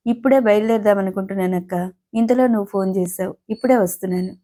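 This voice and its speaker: A woman's voice: mid-range voice, quick pace, dark tone, close to an everyday voice. A woman voicing a playful, affectionate young woman who chats eagerly with her elder friend. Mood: apologetic. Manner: eager, chatty.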